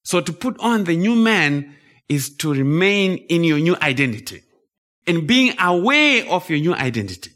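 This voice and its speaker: A man's voice: on the high side, very animated, moderate pace, fairly bright tone. A man from Zimbabwe preaching a sermon, stressing and repeating key phrases.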